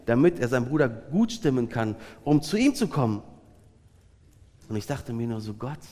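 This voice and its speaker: A man giving a sermon, retelling a story with lively swings between loud and quiet. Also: mid-range voice. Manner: animated retelling with sudden swings in loudness. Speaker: preacher. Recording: long reverb of a large hall.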